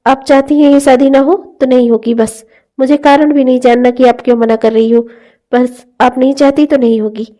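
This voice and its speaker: Woman doing a loyal young cartoon guy, earnest and gentle, still a high mellow voice. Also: fairly even intonation, normal speed, lightly acted. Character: devoted young man, loyal brother, earnest.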